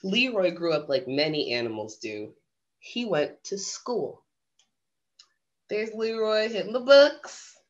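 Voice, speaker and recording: Streaming in front of a green screen, a drag storytime guest reader casually works through a children's storybook with playful, theatrical asides for her audience. Her medium-pitched voice is very animated yet slow, and the recording has its highs cut off.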